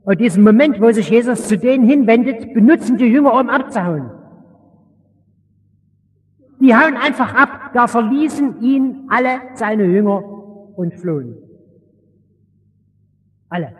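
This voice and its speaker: A man preaching a sermon, retelling a Bible story in a vivid, colloquial way and swinging between loud and hushed. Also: extremely high pitch, lively intonation, normal speed. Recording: long reverb of a large hall.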